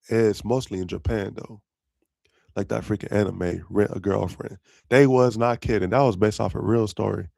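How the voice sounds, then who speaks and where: A young man talks through his solo podcast in loose, rambling slang and keeps breaking into laughter at his own lines. His voice sits on the low side with a gravelly, crackling edge. The sound is dry and close, with almost no room around it. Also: darkish tone, dry recording. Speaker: podcast host. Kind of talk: casual solo podcast chat.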